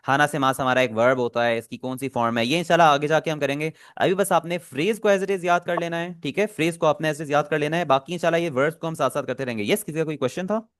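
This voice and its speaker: A man teaching Japanese in an online class patiently repeats each phrase slowly and carefully so his students can copy it. His voice is a little higher than most men's, a bit bright, and recorded dry and close to the mic.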